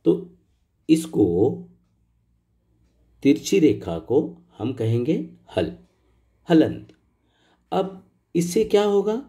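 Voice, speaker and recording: A middle-aged male teacher takes a grammar lesson at an unhurried pace, patient and methodical. His voice is low and very dark, yet the pitch moves a lot as he asks the class questions. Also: very animated. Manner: patient, explains step by step with questions to pupils. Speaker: school Hindi teacher.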